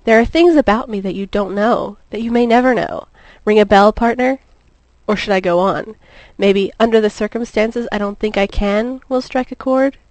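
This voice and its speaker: Lois is a brash, impatient newspaper reporter, voiced by a woman reading her own fan fiction aloud. She snaps out sharp, sarcastic demands. Her pitch is middling and the sound is dry and close. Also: normal speed, no echo, lightly acted, poor audio. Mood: demanding.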